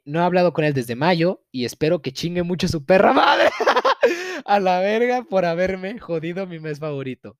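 A man's voice: fairly high pitch, no room sound, clean studio sound. A young man with a Mexican accent tells a viewer's story in a casual, profane, mock-outraged way, with frequent laughter.

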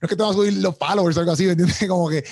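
A man's voice: high-pitched, fairly even intonation, racing, creaky, a little mellow. A man in casual chat, eager and emphatic, often repeating himself. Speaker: conversation partner.

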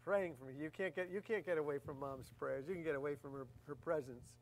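A woman's voice: low-pitched, quick pace. A woman preaching a sermon in a conversational way, often repeating key phrases for emphasis.

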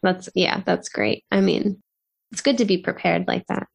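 A woman's voice: fairly low pitch, moderate pace, creaky. A woman in her thirties from Southern California, co-hosting a podcast in casual, upbeat chat with plenty of fillers and laughter. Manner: chatty, upbeat, laughs often, scattered fillers. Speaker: podcast co-host.

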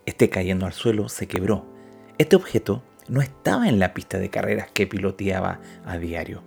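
Low gravelly male storyteller. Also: a little mellow. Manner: measured storytelling with emphatic swells. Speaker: narrator. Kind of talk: scripted devotional narration.

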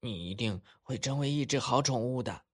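A man voicing an excitable small boy who wants a pet, pleading and shouting at it in a children's story. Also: medium pitch, moderate pace, slightly rough, pitched above the performer's own voice, close to an everyday voice. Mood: eager.

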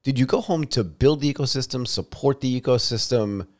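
A man hosting a podcast interview, asking questions in a lively, joking way. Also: medium pitch, a little fast. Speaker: podcast host.

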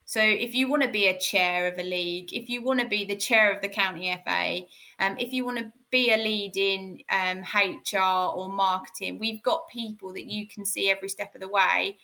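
A woman's voice: medium pitch, steady tone, normal speed, creaky, bright, forceful tone, low-quality recording. A woman from a county football body, answering interview questions with proud enthusiasm and the odd filler. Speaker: county football development officer.

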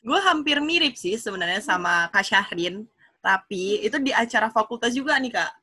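A young woman, telling a story in a relaxed, easygoing way. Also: medium pitch, normal speed, husky. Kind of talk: casual chat.

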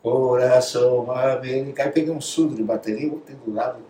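A man's voice: mid-range voice, quick pace. A Brazilian man telling studio anecdotes in a casual interview, acting out quotes and dropping to whispers. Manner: animated storyteller, acts out quotes, drops to whispers. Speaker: guest. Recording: echoey room, distant mic, faint noise.

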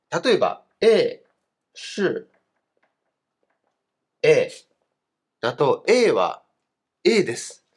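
A man's voice: mid-range voice, slightly rough. A man teaching a grammar lesson online in a patient, explanatory way. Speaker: language teacher.

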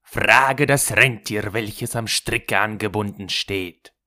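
A man's voice: on the low side, slow, pushed and bright, exaggerated voice. A man voicing cooing wood doves in a fairy tale, with a singsong manner. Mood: solemn.

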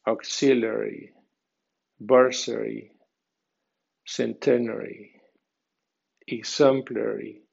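A man teaching English pronunciation in a scripted podcast lesson, reading rules and word lists slowly and deliberately. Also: mid-range voice, little pitch movement, gravelly, darkish tone, breathy edge, lo-fi sound.

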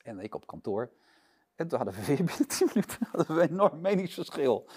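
A man tells a story at a quick clip, his voice jumping up whenever he acts out someone shouting. He sits as the guest in an interview and keeps the tale rolling. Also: a little high, husky. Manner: lively storyteller acting out shouted quotes. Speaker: interview guest, sports presenter. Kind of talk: animated anecdote telling.

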